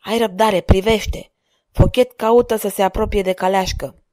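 A stern veteran musketeer captain, read by a woman narrator, speaking in a grave, solemn voice. Her tone is mellow and warm, recorded dry and close. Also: medium pitch, steady tone, no room sound, lightly acted.

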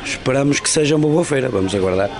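Quick gravelly man. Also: medium pitch, lively intonation. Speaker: exhibitor. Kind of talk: on-the-spot news interview.

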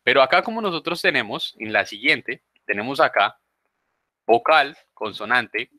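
A man's voice: mid-range voice, animated, normal speed, bright, forceful tone, no echo, clean studio sound. A male teacher leading an online English class, patiently explaining rules step by step.

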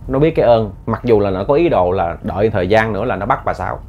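A man's voice: on the low side, quick pace, lo-fi sound, slight background noise. A man telling a ghost story in a folksy, repetitive way, often addressing his listeners.

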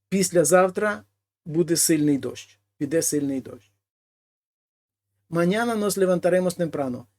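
A man teaching a language lesson: he reads each example phrase, then translates it slowly and explains it. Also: a little high, dark tone. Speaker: Spanish teacher.

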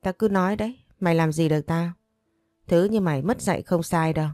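A woman's voice: lowish voice, a little fast, warm tone, no room sound, faint music behind, lightly acted. A woman voicing a harsh, spiteful older first wife who scolds and sneers. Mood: scolding.

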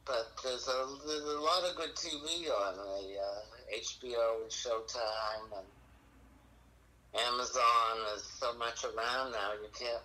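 A man in his seventies making a casual phone call, chatting in a drawn-out, meandering way. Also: medium pitch, steady tone, bright, forceful tone. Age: 70s. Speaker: caller on the phone.

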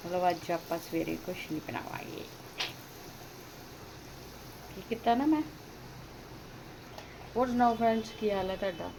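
A woman with a Punjabi accent chatting casually to her viewers as a home vlogger, often asking them questions as she goes. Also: lowish voice. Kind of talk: casual chat to viewers while doing housework. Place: at home, partly in a kitchen while cooking. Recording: noisy home recording with household ambience.

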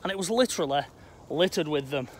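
A middle-aged Englishman with a Lancashire accent walks through outdoor woodland, talking to camera about old railway sites and calling his viewers "Hot Potters." His voice is a little high and expressive, and he talks fast. Filmed on a phone held at arm's length, the clip has slight background noise.

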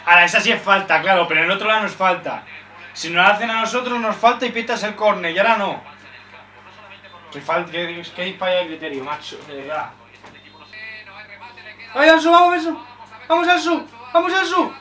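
High-voiced Spanish man reacting to a match. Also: fairly even intonation, quick pace, distant mic. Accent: Spanish from Spain. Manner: frustrated, swears often, shouts at big chances. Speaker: football fan reacting live. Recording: roomy echo, off-mic.

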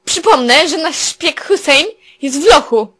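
Proud scheming sultana, firm and commanding, read by a woman in a fairly high voice. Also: expressive, measured pace, a bit bright.

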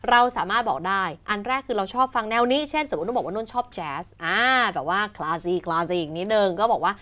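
A woman's voice: mid-range voice, expressive, fast talker, a bit bright. Female English teacher co-hosting a lesson. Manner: explains patiently, drops English phrases into her talk. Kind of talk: casual teaching chat.

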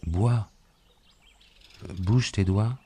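A man voicing a bold, cheerful young male healer who gives brisk orders in an audiobook reading. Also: lowish voice, mellow, breathy edge, voice pushed up, heavily acted. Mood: reassuring. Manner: brisk, commanding.

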